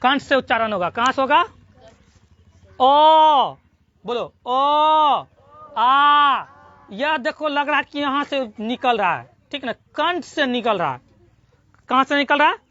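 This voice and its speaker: A teacher giving a classroom grammar lesson, drilling students with repeated questions and slowly sounding out syllables. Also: high-pitched, lively intonation, sharp tone, no echo. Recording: dull lo-fi recording.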